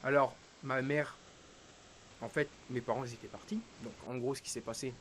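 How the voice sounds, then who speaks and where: A male streamer recounting a personal loss in halting, emotional storytelling, his voice dropping to a hush and then rising again. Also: mid-range voice, steady tone, poor audio. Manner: halting, quotes dialogue, swings between hushed and raised. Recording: hissy background noise.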